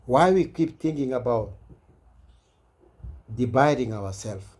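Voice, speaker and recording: A man's voice: medium pitch, animated, slow pace, darkish tone. A man giving an impassioned personal message in earnest, repetitive phrases and English. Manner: earnest, repetitive, preaching cadence, non-native grammar. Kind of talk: impassioned personal address to camera.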